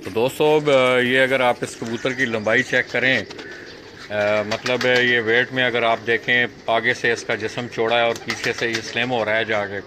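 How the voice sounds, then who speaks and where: A man's voice: mid-range voice, little pitch movement, normal speed, noisy background. A man showing pigeons to the camera, talking viewers through each bird and giving short instructions to a helper. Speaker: pigeon fancier vlogger. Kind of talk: explaining to camera, guiding a helper. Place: rooftop pigeon loft outdoors.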